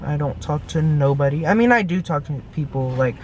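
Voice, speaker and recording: A woman's voice: deep voice, lively intonation, fairly quick, darkish tone, slight background noise. A teenage girl from New York chatting casually while driving, rambling with lots of fillers, recorded on a handheld camera inside a car. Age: teens. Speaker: vlogger. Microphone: handheld compact camera.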